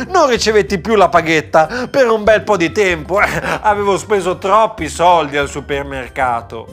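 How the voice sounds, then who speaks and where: A young man hosting and narrating a children's story, playful and speaking straight to kids. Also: high voice. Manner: animated, playful, addresses children.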